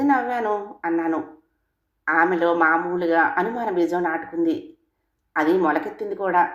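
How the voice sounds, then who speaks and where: A woman storyteller reading a story aloud in a steady, even way. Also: fairly low pitch. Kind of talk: storybook narration. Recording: roomy echo.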